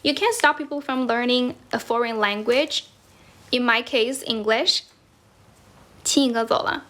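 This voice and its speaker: Chinese woman tutor chatting on a phone livestream, kinda high voice, teasing and talky, flips languages mid-sentence. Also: a little slow, a bit bright. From China. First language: Mandarin Chinese. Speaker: online English tutor. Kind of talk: casual livestream chat answering comments.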